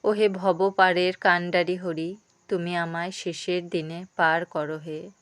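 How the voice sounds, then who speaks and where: A woman voicing a humble, devoted male boatman who pleads with his lord in a slow, smooth voice. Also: lowish voice, flat delivery, no room sound, close to an everyday voice. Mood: pleading. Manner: pleading, devout.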